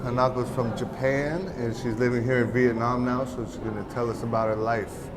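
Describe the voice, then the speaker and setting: A man's voice: medium pitch, little pitch movement. Upbeat male host, noisy street sound. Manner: upbeat, with quick reactions. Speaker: host and interviewer. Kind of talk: casual street interview. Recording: clear background noise.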